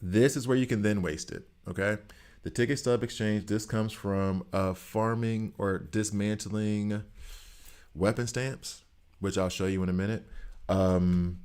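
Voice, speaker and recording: A man's voice: fairly low pitch, fairly even intonation, measured pace, darkish tone, clear, resonant tone. A man from Alabama with a Southern US accent gives casual game commentary to viewers, repeating phrases for emphasis. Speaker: gaming content creator.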